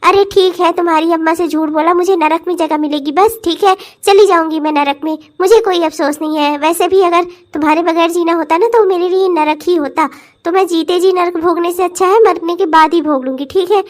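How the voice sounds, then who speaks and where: A scheming young cartoon bride with a very high voice. She wheedles and teases her husband with cheeky confidence. Playful animated comedy. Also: a little fast. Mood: wheedling. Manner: wheedling, cheeky, self-assured. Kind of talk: cartoon voice acting.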